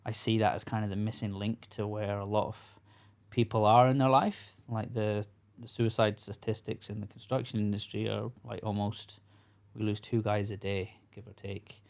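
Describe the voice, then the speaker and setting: A gravelly, lowish, darkish voice delivers flat speech at a moderate pace, with hardly any pauses. The speaker is a middle-aged man from Scotland, a construction workers' coach who is a guest on a podcast; the casual interview finds him earnest and frank, full of fillers and restarts.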